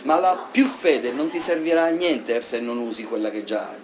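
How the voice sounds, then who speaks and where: A man preaching a sermon in an animated way, swinging between loud emphasis and soft asides. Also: mid-range voice, moderate pace, noisy background.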